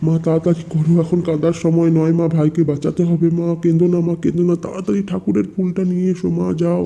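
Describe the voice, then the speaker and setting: A man tells a horror story in the first person, as the elder son of the family. His voice is high with a dark tone. He speaks urgently and keeps repeating words in alarm. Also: completely flat delivery, quick pace, creaky. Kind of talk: dramatized horror narration.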